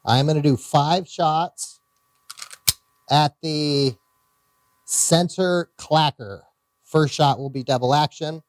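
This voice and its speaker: A man's voice: a little high, takes it slowly, pauses often, dry recording. A man with an Iowa accent hosting a casual outdoor shooting range video, rambling and correcting himself as he talks. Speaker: gun channel host. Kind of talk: casual range vlog with ammo test readouts.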